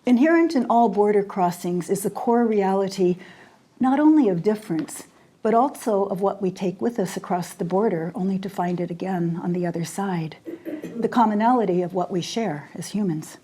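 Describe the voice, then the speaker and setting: Older woman scholar from Jordan delivering a formal lecture; measured, warm, dark-toned voice. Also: mid-range voice, slightly rough. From raised in Jordan. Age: 60s. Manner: measured, deliberate delivery with weighty pauses. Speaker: poet and scholar giving a lecture.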